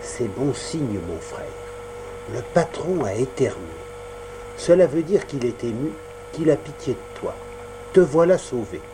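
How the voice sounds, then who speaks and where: A man voicing a sad male puppet clown who speaks in a low murmur in a storybook reading. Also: lively intonation, unhurried, noisy background, lightly acted.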